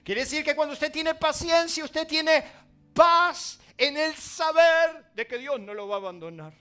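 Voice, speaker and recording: A male pastor with an Argentine accent preaching a sermon, swinging from loud emphasis to quiet, confiding asides. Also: very high-pitched, measured pace. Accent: Argentine Spanish.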